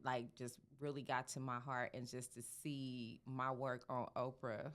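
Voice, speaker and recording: A woman's voice: very deep voice, a little slow. A young woman from St. Louis, a makeup artist, chatting casually in an interview with lots of fillers and retold dialogue. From St. Louis, USA. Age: young adult. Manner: relaxed, chatty, many fillers and quoted dialogue.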